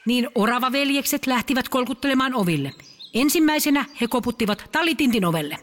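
A woman narrating a children's audio story in a lively storytelling way. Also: sits high, big-room sound, slight background noise.

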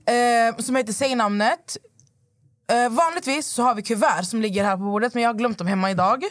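A woman's voice: a little high, dry recording, clean studio sound. A woman co-host in a casual chat, teasing and chatty as she explains a game.

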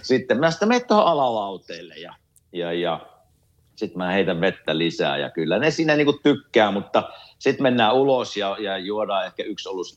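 A man's voice: on the low side, very animated, highs cut off. A man from Finland living in America, chatting casually about hockey and telling stories with laughter. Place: home in America.

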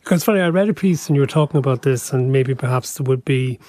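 A man's voice: mid-range voice, fast, darkish tone, no room sound. Male radio presenter, probing questions. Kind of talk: radio interview. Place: radio studio. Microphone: studio microphone.

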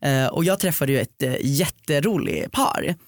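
A man's voice: lively intonation, no echo, clean studio sound. A young man telling a long personal story in a casual podcast chat, rambling with many fillers and acting out what people said. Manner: rambling anecdote, many fillers, quotes people with raised pitch. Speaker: guest storyteller.

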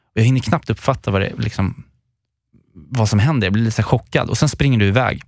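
Gravelly low-voiced young man telling a story. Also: no room sound, studio quality. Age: 20s. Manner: rambling storyteller who acts out the quotes. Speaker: podcast co-host. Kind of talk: casual chat, anecdote telling.

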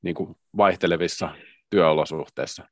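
Deep-voiced man, dry close sound. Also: fairly even intonation, no echo. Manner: measured, hedging, many restarts. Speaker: podcast co-host. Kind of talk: casual discussion on work culture.

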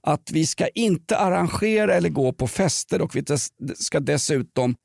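A man's voice: fairly high pitch, lively intonation, gravelly, a little mellow, dry recording, studio quality. A man co-hosting a podcast in casual chat, ranting sardonically and joking. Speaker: podcast co-host.

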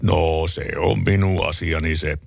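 A radio host voicing a calm old farmer husband in a slow, deadpan way while reading a joke. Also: male voice, rumbling low, creaky, no echo, clean studio sound, heavily acted.

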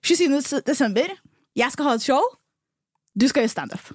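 Young woman comic, high and lively voice, dry close sound, podcast chat. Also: slightly rough, no echo. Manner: animated storytelling with laughs. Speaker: comedian guest.

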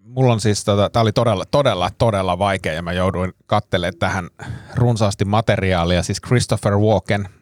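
A man's voice: fairly low pitch, no room sound. A man explaining an improv scene casually, in a hesitant way with many restarts. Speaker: improv comedian.

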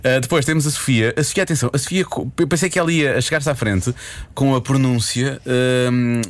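A man's voice: medium pitch, fairly even intonation, fairly quick. A man hosting a radio show in a casual, hesitant way, full of fillers. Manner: laughing, loose and hesitant, with many fillers.

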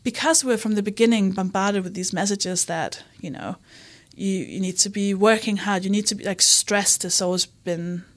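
A candid woman comedian speaks as an interview guest, with a mid-pitched voice. She talks in a lively way and keeps slipping into quick impressions of other people's remarks. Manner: candid, animated, quotes herself and others. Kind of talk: conversational interview.

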